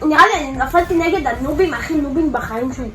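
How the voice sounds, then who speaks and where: A woman giving live gameplay commentary, excitable, shouting out exclamations and repeating words rapidly. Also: high-pitched, rough recording. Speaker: gaming video creator.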